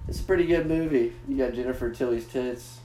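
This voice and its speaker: A man's voice: medium pitch, brisk, dark tone. A man hosting a casual podcast, rambling crudely and swearing a lot. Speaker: podcast host. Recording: echoey room with faint noise.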